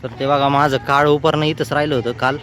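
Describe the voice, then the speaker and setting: A man's voice: on the high side, little pitch movement, a little fast, fairly bright tone. A man, giving chatty, teasing vlog commentary outdoors. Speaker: vlogger.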